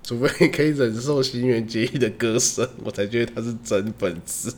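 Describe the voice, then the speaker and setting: A young man, co-hosting a podcast in relaxed, teasing casual chat. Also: medium pitch, moderate pace. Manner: teasing, laid-back, laughs often. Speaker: podcast co-host.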